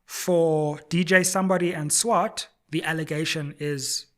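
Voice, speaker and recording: A man's voice: a little high, steady tone. South African man, dramatic news explainer. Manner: dramatic, emphatic, deliberate phrasing with stressed key words. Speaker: host of a news and politics show. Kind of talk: news explainer commentary to viewers.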